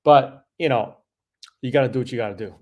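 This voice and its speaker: A man's voice: mid-range voice, fairly quick, highs cut off. A middle-aged man hosting a casual live Q&A, answering viewer questions in a loose, conversational way with fillers and self-corrections.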